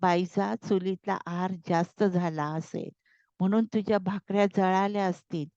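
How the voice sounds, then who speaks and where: A woman voicing a calm, kindly old grandmother in a storybook reading, on a dull, dry recording. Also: mid-range voice, moderate pace, no echo, close to an everyday voice.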